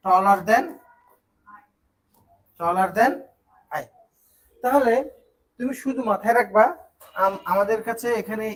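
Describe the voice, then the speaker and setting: In an online class, a Bangladeshi teacher explains English grammar step by step in a middle-pitched voice, patiently working through each point. He uses quick rhetorical check questions to keep students following, though the recording quality is low.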